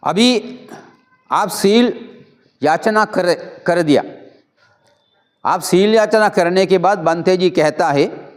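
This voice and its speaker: A man, a Buddhist monk, giving a Pali pronunciation lesson and patiently repeating and correcting each word. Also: sits high.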